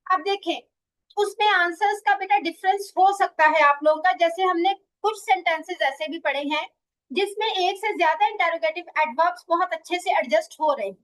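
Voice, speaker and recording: A woman's voice: very high-pitched, fairly bright tone, poor audio. A woman teaching an English grammar lesson, explaining in Hindi mixed with English and asking and answering her own questions. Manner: reads English example sentences very slowly; addresses listeners as children and dear students.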